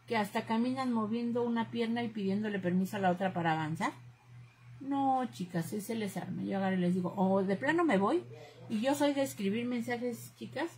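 A woman's voice: medium pitch, darkish tone, a little hiss or hum, rough recording. A middle-aged woman with a Mexican Spanish accent, chatting openly to her viewers, outspoken, often calling them "chicas". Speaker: crafts channel host. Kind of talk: casual chat to viewers.

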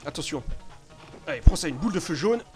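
A man with a fairly high voice commentates his own gameplay live. He swears freely, bursts out loudly and then drops to mutters. Faint game music plays behind him. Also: a little fast. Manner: excitable, swears often, sudden loud outbursts then mutters.

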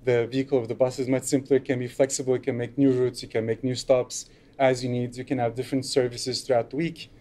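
Standing at a lectern in a lecture room, a middle-aged Turkish conference speaker talks in a loose, unscripted way, often using fillers. His voice is medium-pitched and warm, level in tone, and quick in pace.

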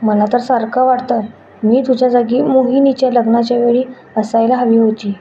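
A woman's voice: fairly high pitch, little pitch movement, normal speed, natural voice. A woman voicing a playful young woman friend who talks in a teasing way. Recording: dull lo-fi with faint noise.

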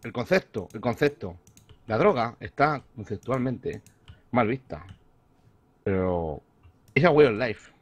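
A man's voice: medium pitch, lively intonation, unhurried, long pauses, breathy edge. A young man gaming with a friend, joking, boasting and clowning around playfully. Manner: playful, jokey boasting, puts on voices. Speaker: co-player, guest. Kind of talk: casual let's-play banter.

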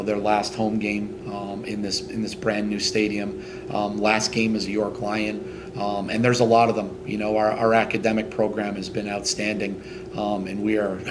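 A middle-aged man, a head football coach, answering post-game interview questions in a halting way, with many fillers and restarts. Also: lowish voice, background noise. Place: indoors in front of a team logo backdrop.

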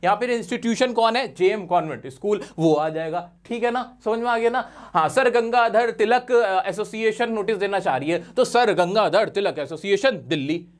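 A man's voice: high voice, normal speed, few pauses. A male teacher giving a live exam revision class, talking in a chatty, teasing way and mixing in English terms.

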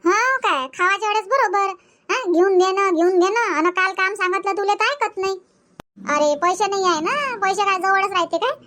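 Cartoon granny, played by a woman: old, thrifty, nagging, shrill and bright. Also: normal speed. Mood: grumbling. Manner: nagging, sharp-tongued. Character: scolding thrifty old village grandmother.

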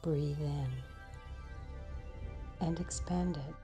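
Over music, a woman with a deep voice guides a slow meditation, keeping her intonation fairly even. She delivers short phrases with pauses between them, in a breathy, husky tone that frequently nears a whisper.

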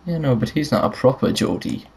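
Young male gamer-host, husky, crude and jokey chatter over gameplay. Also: medium pitch, big pitch swings, brisk, a little mellow. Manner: crude, joking, laughs often. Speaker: gaming channel host. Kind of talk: casual gameplay commentary chat.

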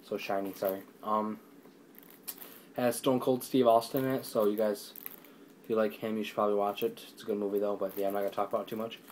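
A young man in casual, rambling chat, excitably showing off discs he ordered, with lots of fillers. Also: fairly low pitch, quick pace, a little hiss or hum, poor audio. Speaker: YouTuber reviewing discs.

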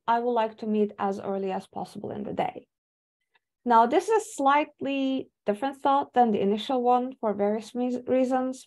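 A young English-speaking woman with a fairly high, darkish voice gives an academic webinar talk from slides over a video call. She sounds thoughtful, with lots of fillers and restarts, and she's recorded on a webcam in a room at home.

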